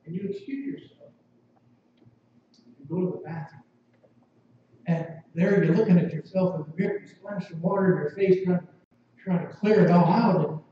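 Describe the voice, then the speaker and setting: A male pastor tells a vivid sermon story, drawing listeners in with the second person. His voice sits high and mellow. He is picked up from a distance in a very echoey sanctuary, with dull sound. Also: steady tone, moderate pace, long pauses, background noise. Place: church sanctuary.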